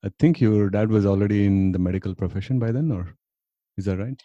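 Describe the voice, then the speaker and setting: A man's voice: lowish voice, fast talker, mellow, no echo, highs cut off. A man hosting a podcast, asking friendly, curious questions and laughing along. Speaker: podcast host. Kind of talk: casual interview chat.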